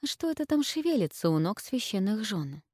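Female audiobook narrator, measured and steady, mid pitch, dry close recording. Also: breathy edge, dry recording.

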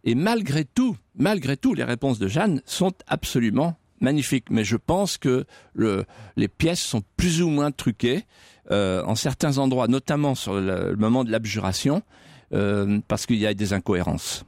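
A man's voice: mid-range voice, animated, normal speed, a little mellow, no echo. Man, historian guest, dramatic storytelling, rhetorical questions, dry close studio. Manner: vivid narration with rhetorical questions and repetitions. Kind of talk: dramatic storytelling in radio interview. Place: radio studio.

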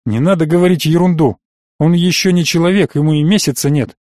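A man's voice: a little high, lively intonation, moderate pace, darkish tone, no room sound, studio quality. A man reading an audiobook voices a domineering older noble father who speaks patronizingly and turns harsh and threatening. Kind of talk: audiobook character voice.

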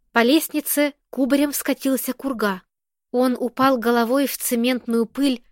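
A woman narrates an audiobook with a steady, expressive reading. Her voice sits fairly high. The recording is close and dry. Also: no room sound. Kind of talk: scripted narration.

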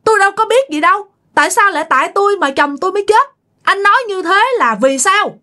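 A woman voicing a grieving young wife who pleads in a high, desperate, wailing voice. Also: fast. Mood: shocked pleading.

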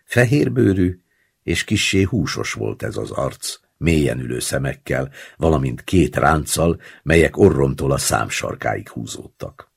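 A man reading a short story aloud in the first person, telling it in a measured, wry way. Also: a bass voice, sing-song, creaky, slightly rough. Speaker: audiobook narrator.

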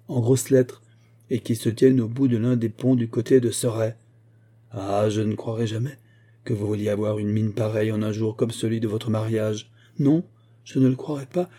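A man's voice: mellow, slightly rough, lightly acted. A man voicing a fussy, doting old female nurse who rambles on in a fairy-tale audiobook. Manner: fussy rambling, raised pitch.

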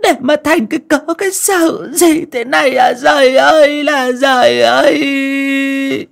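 A man voicing a scheming middle-aged village woman, who wails with fake tears in a shrill, drawn-out, sobbing voice in an audio story. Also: vocal fry, a bit bright, full character voice. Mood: wailing grief. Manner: drawn-out theatrical lamenting.

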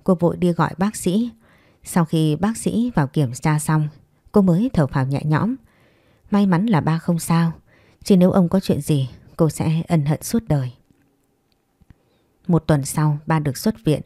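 A woman narrating a romance story aloud in a calm, even storytelling manner. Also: deep voice, a little slow, long pauses, no echo, clean studio sound. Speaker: audiobook narrator. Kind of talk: scripted narration.

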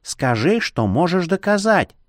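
Brief: tiny squeaking mosquito wife, voiced by a male reader, high and quick-urging, storybook audiobook. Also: big pitch swings, dry recording, clean studio sound. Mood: urgent. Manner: squeaky, urgent whispering at the ear.

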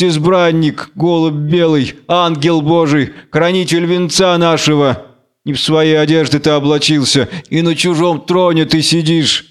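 A fierce, bitter blind woman delivers slow, solemn reproaches, as a man reading a play puts her on. The tone is grave and accusing. The voice is clear and slightly high. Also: close to an everyday voice.

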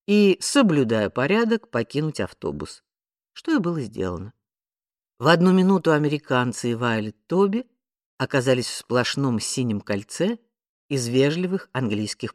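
A man narrating an audiobook in a lively, expressive storytelling voice on a close studio mic. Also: mid-range voice, no echo. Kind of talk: scripted narration.

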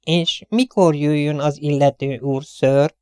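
A man voicing an old, coolly formal butler who speaks slowly and stays unruffled in an audiobook reading. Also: on the high side, fairly even intonation, a little mellow, smooth, dry recording, studio quality, voice pushed up, close to an everyday voice.

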